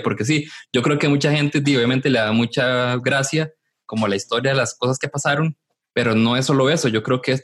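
A man's voice: mid-range voice, breathy edge. A man, hosting an interview and reflecting thoughtfully, often restarting his phrases. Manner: thoughtful, restarts phrases while searching for words. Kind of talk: casual conversation.

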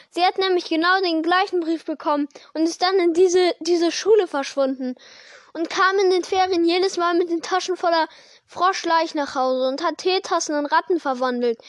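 A woman's voice: extremely high pitch, no room sound, clean studio sound. A woman voicing a bitter, scornful middle-aged aunt while reading a story aloud.

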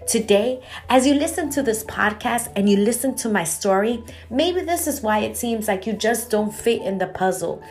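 A woman's voice: fairly high pitch, expressive, normal speed, few pauses, darkish tone. A young adult woman from Guatemala hosting her own evangelist podcast, telling her personal testimony in an earnest, preacherly way.

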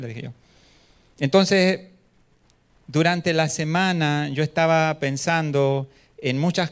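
Male preacher, clear and smooth, light pitch, easy talk with the congregation, speaking through a mask in a church hall. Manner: conversational, asks the congregation questions. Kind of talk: sermon. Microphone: handheld mic, speaking through a face mask.

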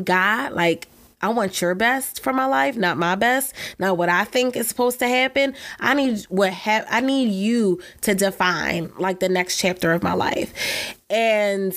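Earnest woman podcaster sharing her faith. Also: mid-range voice. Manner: earnest and encouraging, addresses listeners as "y'all". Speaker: podcast host. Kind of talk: faith-based personal talk.

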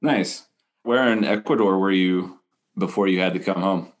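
A man's voice: deep voice, normal speed. A man hosting an interview, friendly and lightly joking with his guests. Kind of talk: casual interview.

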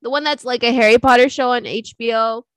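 Chatty higher-voiced woman podcast host. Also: clear, resonant tone, no room sound. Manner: chatty, animated, quick to laugh. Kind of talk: casual chat about films and TV.

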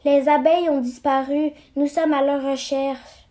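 A woman's voice: sits high, steady tone, mellow. A woman reading as a brave young boy hero. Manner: slow, halting reading.

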